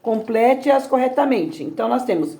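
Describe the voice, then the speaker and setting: Brazilian woman, primary teacher, warm and mellow tone, exaggerated slow syllables for children. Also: fairly high pitch, animated. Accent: Brazilian Portuguese. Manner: slow, exaggerated sounding out of words. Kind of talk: recorded lesson for young children.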